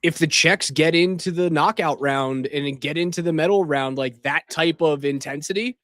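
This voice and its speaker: Man hosting a hockey show, higher-pitched voice. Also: normal speed, fairly bright tone, a little hiss or hum. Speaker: sports show host. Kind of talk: live hockey post-game commentary. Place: hockey arena after a game. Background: arena racket.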